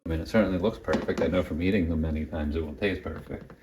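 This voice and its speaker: A man's voice: very deep voice, steady tone, fast talker, echoey room, far from the mic, noisy background. A man hosting a home cooking vlog, chatty and self-critical, talking between bites as he cooks and tastes. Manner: chatty, self-critical, talks while eating. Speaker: home cooking channel host. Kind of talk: casual cooking vlog with tasting.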